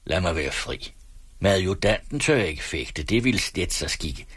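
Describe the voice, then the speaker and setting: A man's voice: low-pitched, breathy edge, no room sound, heavily acted. A man doing a sly ex-cavalryman farmhand. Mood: pleading. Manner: plain-spoken, calm and wry.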